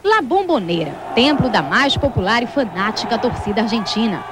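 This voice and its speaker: Brazilian woman reporting on a stadium, lively, slight noise. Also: a little high, normal speed. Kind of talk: scripted report narration.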